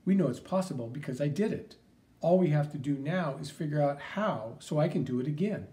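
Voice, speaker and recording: A man's voice: a little high, a little fast, natural voice. Mighty Mouse, read by a man, confident and heroic. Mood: earnest. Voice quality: steady, confident, encouraging. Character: heroic flying cartoon mouse, male, earnest. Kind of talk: audiobook character reading.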